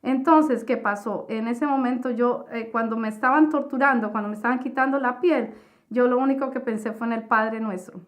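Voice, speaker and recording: A woman giving a personal religious testimony, retelling her story in an earnest, halting way. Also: on the high side, fairly even intonation. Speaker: testimony giver.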